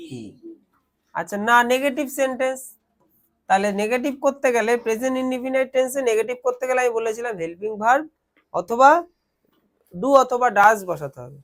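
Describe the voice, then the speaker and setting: A man teaching a grammar lesson in a classroom, explaining step by step and quizzing his students as he goes. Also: very high voice.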